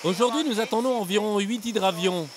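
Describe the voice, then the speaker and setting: A man's voice: high-pitched, fairly quick, background noise. A man in his twenties working as a hotel greeter, speaking politely and formally to guests and the camera. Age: 20s. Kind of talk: interview and guest welcome.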